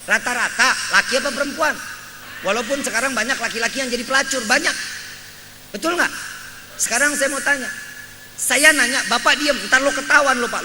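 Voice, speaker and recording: A man's voice: extremely high pitch, sharp tone. A man preaching in a mosque, joking and teasing his congregation in slangy talk. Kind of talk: humorous sermon. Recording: echoey mosque hall, faint noise.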